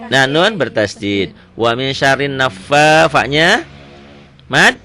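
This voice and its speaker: A man teaching Quran recitation, quizzing a student with quick questions, repeating answers and reciting verses slowly. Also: medium pitch, lively intonation, bright, forceful tone. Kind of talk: Quran reading lesson with a child.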